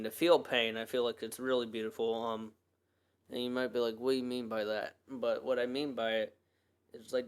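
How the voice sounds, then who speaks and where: A man's voice: medium pitch, smooth. A young man hosting a podcast, talking through a personal monologue in an earnest, rambling way, full of fillers and restarts. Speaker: podcast host.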